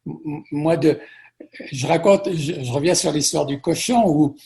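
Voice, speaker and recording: Middle-aged French-born man, interview guest, gravelly voice, chatty storyteller who repeats himself. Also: on the high side, normal speed. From France. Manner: warm storytelling with frequent repetitions. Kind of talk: conversational interview.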